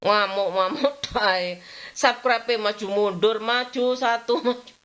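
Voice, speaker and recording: A middle-aged woman, chatting at home in a rambling, venting way, her voice jumping up in complaint and sinking to low murmurs. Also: slow pace, a bit bright. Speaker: vlogger. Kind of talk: casual chat.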